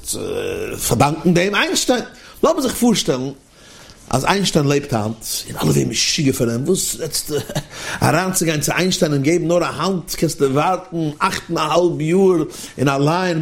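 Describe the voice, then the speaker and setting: A man giving a sermon in a lively, questioning, sing-song manner. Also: a little high, normal speed, vocal fry. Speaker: religious teacher. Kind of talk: sermon to listeners.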